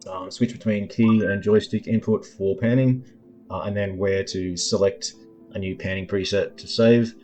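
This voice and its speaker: Low, mellow man walking through software. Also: steady tone, soft background music. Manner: unhurried, filler-heavy, thinking aloud. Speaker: developer demoing his app. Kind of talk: screen-recording tutorial walkthrough.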